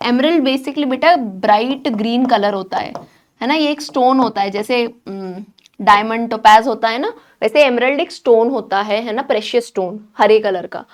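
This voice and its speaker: Young woman teacher, high bright voice, patient, explains a poem step by step. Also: normal speed. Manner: explains patiently, keeps checking in with students. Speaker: English teacher. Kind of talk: Hinglish poetry lesson.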